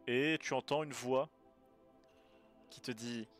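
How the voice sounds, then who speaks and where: A man runs a tabletop role-playing game, describing scenes and ruling on actions. His pitch sits in the middle, and music plays behind him. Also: steady tone, slow. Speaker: game master. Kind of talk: improvised tabletop game narration. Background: background music.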